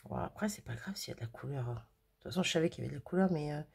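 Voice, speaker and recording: A woman's voice: deep voice, lively intonation, very fast, vocal fry, darkish tone, breathy edge. A woman hosting a crafting video, chatting casually and thinking aloud with fillers and little laughs as she works. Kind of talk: casual crafting tutorial chat.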